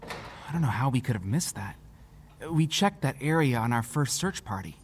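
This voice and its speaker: Man playing middle-aged sheriff, stern, scolding, animated intonation, long room reverb, naturalistic radio drama. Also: mid-range voice, normal speed, a little hiss or hum, close to an everyday voice. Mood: troubled. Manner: scolding, emphatic. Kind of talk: naturalistic audio drama acting.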